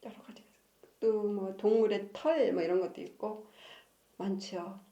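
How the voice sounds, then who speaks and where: A woman's voice: medium pitch, fairly even intonation, unhurried, warm tone, dull audio. A woman who hosts a family-counseling channel, chatting casually about marriage and reading from her own book, laughing often between sentences. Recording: echoey room.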